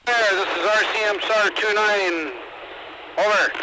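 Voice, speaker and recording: High-pitched man over a two-way radio. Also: steady tone, measured pace. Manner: hesitant, reads back numbers carefully. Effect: heard over a two-way radio. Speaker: rescue boat crew member. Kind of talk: radio procedure calls. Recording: noisy two-way radio transmission.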